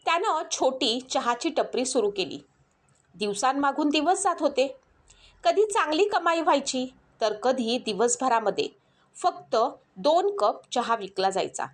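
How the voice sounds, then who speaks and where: A woman storyteller with a fairly high-pitched voice reads scripted narration of an emotional moral story, measured and earnest in manner.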